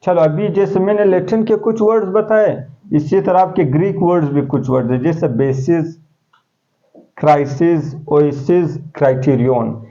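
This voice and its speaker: A man's voice: on the high side, moderate pace, mellow. A male teacher, giving a classroom lecture step by step and asking his students questions as he goes. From Pakistan. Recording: dull lo-fi classroom recording.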